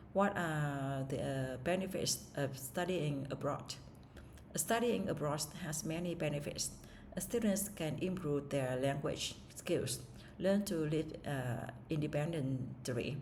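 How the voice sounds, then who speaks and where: A low-pitched woman with a darkish tone practices English speaking-test responses aloud, slight noise behind her. Vietnamese is her first language, and she asks herself each question before answering with pauses and restarts.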